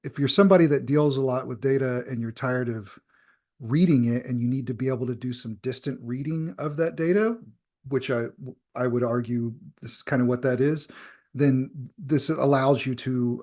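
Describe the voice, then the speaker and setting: Male presenter, casual and rambling, video-call audio, mid-pitched voice. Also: moderate pace, a little mellow. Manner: loose, chatty, many fillers and restarts. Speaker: workshop presenter.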